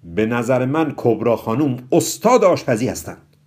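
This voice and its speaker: A man voicing a sarcastic know-it-all who speaks loudly and in a mocking, drawn-out way. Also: mid-range voice, big pitch swings, voice pushed up, close to an everyday voice.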